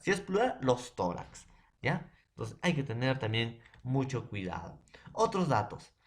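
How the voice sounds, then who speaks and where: A man teaching a grammar lesson to a class, slow and repetitive, often checking in with his students. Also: medium pitch.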